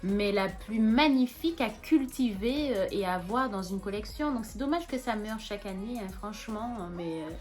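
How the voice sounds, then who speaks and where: A woman's voice: mid-range voice, animated, moderate pace, hardly any pauses, a little mellow, faint music behind. A young woman, chatting casually in a plant vlog, rambling with many fillers and restarts. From Martinique. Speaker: plant vlogger. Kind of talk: casual show-and-tell vlog.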